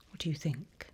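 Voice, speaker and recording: A woman plays a seasoned demon mentor in a whispered ASMR roleplay. Her warm voice is breathy and deliberate, playfully sinister and teasing.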